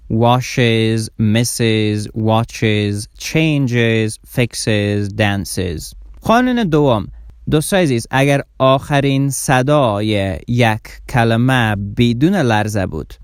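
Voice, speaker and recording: A man with a voice teaching English grammar, saying example words slowly and repeating them. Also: medium pitch, clean tone, no room sound, studio quality. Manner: slow, deliberate example words, repeated for emphasis. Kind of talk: explaining grammar rules.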